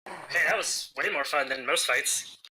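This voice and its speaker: Bright, husky man gaming casually. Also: fairly high pitch, unhurried, rough recording. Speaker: player in a tabletop game. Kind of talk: casual game chat.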